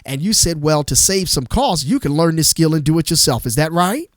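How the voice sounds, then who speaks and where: A man's voice: on the high side, lively intonation, a little fast, no echo, studio quality. A man hosting a gospel radio show, talking with enthusiastic, emphatic, repetitive energy.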